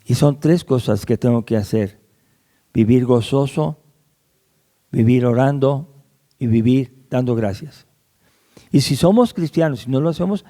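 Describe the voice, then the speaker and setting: A man, a pastor preaching a sermon, asking the congregation rhetorical questions and rising in pitch on key words. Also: warm tone.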